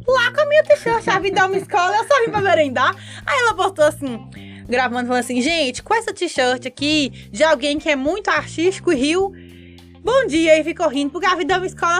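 A woman's voice: very high-pitched, brisk, faint music behind. A young woman from Montes Claros, northern Minas Gerais, with a Mineiro Brazilian accent, telling a story in a chat and acting out what everyone said. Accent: Mineiro Brazilian Portuguese. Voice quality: animated, self-dramatizing, quotes others in lively voices. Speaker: guest.

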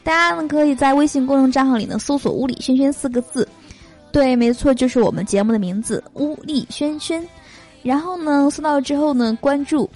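A young woman hosting a podcast, reading jokes aloud and chatting between them with lots of drawn-out fillers. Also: high-pitched, darkish tone, faint music behind. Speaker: podcast host.

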